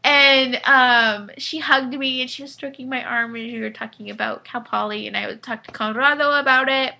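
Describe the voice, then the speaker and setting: Bright, tipsy young woman rambling. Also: high-pitched, moderate pace, gravelly. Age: 20s. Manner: excitable, rambling, many fillers and restarts. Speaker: vlogger reviewing a concert. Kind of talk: casual rambling review. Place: indoors at home.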